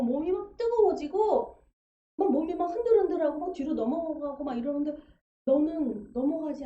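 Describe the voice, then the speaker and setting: High-voiced woman preaching in an echoey church. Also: mellow. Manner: vivid storytelling, acting out quoted voices. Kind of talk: testimony sermon. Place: church sanctuary. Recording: echoey church livestream, dull sound.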